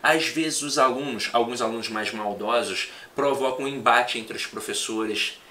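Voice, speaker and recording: A man who teaches for exam prep, chatting in a relaxed conversation and telling animated stories. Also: medium pitch, normal speed. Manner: animated storyteller, acts out quoted students. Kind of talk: casual podcast conversation.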